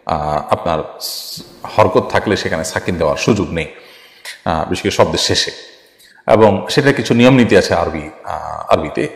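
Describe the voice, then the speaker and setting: A man, an Islamic scholar, calmly answering a viewer's question in a measured, explanatory way with frequent pauses. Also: on the low side. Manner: calm, measured, explanatory with many pauses and fillers. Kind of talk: religious Q&A talk. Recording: echoey room with long reverb.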